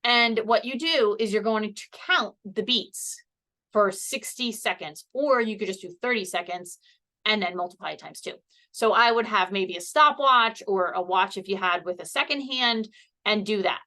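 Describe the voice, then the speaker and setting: A woman's voice: medium pitch, normal speed, bright, forceful tone. A woman giving a casual, chatty health presentation from a seated position, explaining things step by step. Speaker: health educator. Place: seated indoors.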